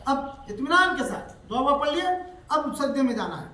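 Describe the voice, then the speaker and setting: A man teaching step by step how to pray, repeating points, asking his student questions, and chanting the prayers slowly. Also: very high-pitched, big pitch swings, pushed and bright, slight background noise. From India. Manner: slow melodic chanting of prayers. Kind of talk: step-by-step prayer lesson with recitation. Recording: echoey room, voice from far off.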